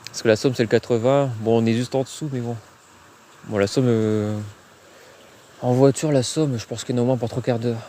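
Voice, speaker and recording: A man's voice: medium pitch, steady tone, normal speed, dark tone, a little hiss or hum. A man giving casual, hesitant live-stream commentary while exploring an abandoned site outdoors, talking into a handheld phone. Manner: casual, hesitant, thinking aloud.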